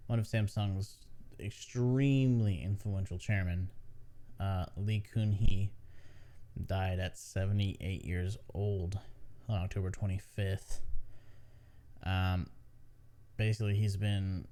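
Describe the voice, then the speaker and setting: Tired man, deep voice, rambling gaming news host, um-filled casual chat. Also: fairly even intonation, takes it slowly, warm tone. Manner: rambling, many fillers and restarts. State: tired, yawning. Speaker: podcast host.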